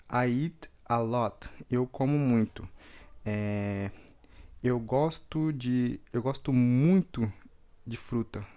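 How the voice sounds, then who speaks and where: A native Portuguese-speaking man teaches English vocabulary at an unhurried, deliberate pace. He says each word several times and pauses often to check that his students are following. His voice sits at an ordinary middle pitch. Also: dark tone. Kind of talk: vocabulary lesson with repetition drills.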